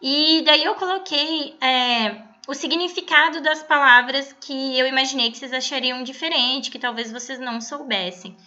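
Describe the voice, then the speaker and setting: Bright, high-voiced woman teacher. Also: lo-fi sound. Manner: patient, explanatory, reads verses slowly aloud. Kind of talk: recorded online lesson.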